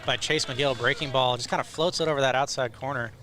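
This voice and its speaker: A man's voice: medium pitch, fairly even intonation, fast, sharp tone, a little hiss or hum. A man giving live play-by-play commentary as a baseball announcer.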